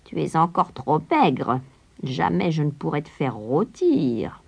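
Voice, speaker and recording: A woman voicing a wicked, half-blind old witch with a shrill, drawn-out, scolding voice. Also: very animated, creaky, a little mellow, slightly rough, heavily acted. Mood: gloating scolding.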